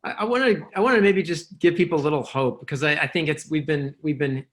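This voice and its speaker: A man with a mid-pitched voice speaks on a panel. He explains things in a calm, measured way, and his tone stays hopeful. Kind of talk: panel discussion.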